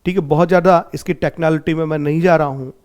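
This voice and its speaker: High-voiced Indian male teacher. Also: steady tone, darkish tone. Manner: asks questions and answers them himself; repeats key points slowly in simple words. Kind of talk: exam-prep literature lecture.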